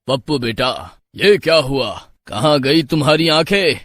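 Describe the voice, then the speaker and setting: A narrator voicing a calm, fatherly middle-aged village headman in a cartoon story. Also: mid-range voice, a little slow, no echo, pitched below the performer's own voice.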